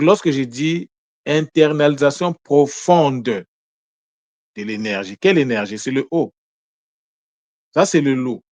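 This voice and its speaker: A man giving a lesson on word meanings, in a deliberate way that poses questions and answers them, often correcting himself mid-sentence. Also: a little high, a little mellow, no echo. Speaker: teacher of Kikongo word meanings. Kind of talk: explanatory lesson talk.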